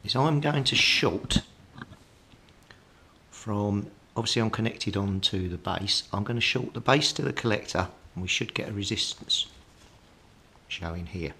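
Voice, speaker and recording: Pausing often and speaking a little slowly, a British man with a lowish, sharp-toned voice talks through an electronics repair while he works. He is a hobbyist host, practical and methodical step by step, with slight background noise present.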